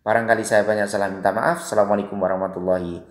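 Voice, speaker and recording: A man with an Indonesian accent teaching English, explaining patiently and repeating example phrases slowly. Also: lowish voice, fairly even intonation, roomy sound. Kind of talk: explanatory lesson.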